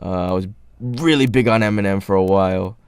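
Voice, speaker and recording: A young man from the United States hosting a radio show in relaxed, casual chat. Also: deep voice, a little fast, clear, resonant tone, no room sound. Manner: relaxed, laid-back, says "man" a lot.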